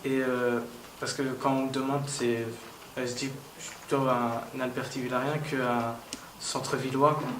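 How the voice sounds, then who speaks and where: A man's voice: medium pitch, little pitch movement, normal speed. An eighteen-year-old man answering interview questions, hesitant, with many fillers and restarts. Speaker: local youth council member. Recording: roomy, distant mic, noisy ambience.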